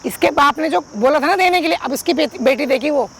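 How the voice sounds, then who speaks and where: A woman playing a greedy, scheming middle-aged mother-in-law who taunts and scolds in a gravelly, shrill voice. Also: animated, quick pace, slight background noise. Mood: scolding. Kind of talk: village family drama acting.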